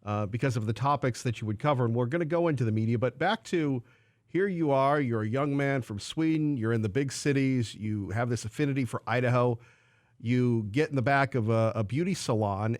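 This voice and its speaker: Morning radio host guy, close studio mic, no room sound, upbeat and quick. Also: medium pitch, darkish tone, dry recording.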